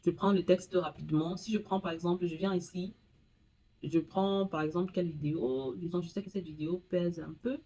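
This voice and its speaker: A woman hosting a casual screen-recording tutorial, talking straight to the viewer and reading English screen text haltingly. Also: on the low side, steady tone, mellow, breathy edge, highs cut off. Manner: chatty, talks straight to the viewer. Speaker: tutorial host.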